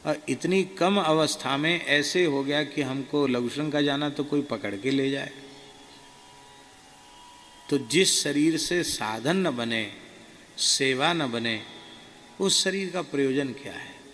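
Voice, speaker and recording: A man, a monk, telling of a spiritual experience in a slow, earnest, subdued way. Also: mid-range voice, a bit bright. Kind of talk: devotional storytelling. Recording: reverberant hall, faint ambient noise.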